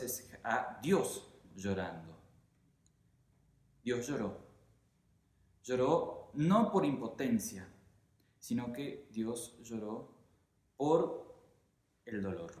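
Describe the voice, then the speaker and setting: A man with an Argentine Spanish accent, a pastor preaching a sermon in a measured, emphatic way with deliberate pauses. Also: medium pitch, roomy sound.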